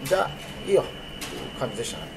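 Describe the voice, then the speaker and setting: A man's voice: medium pitch, huge pitch swings, rapid-fire, vocal fry. A man from Okinawa in casual, teasing banter as a talk show co-host. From Okinawa, Japan. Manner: playful, teasing. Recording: noisy ambient background.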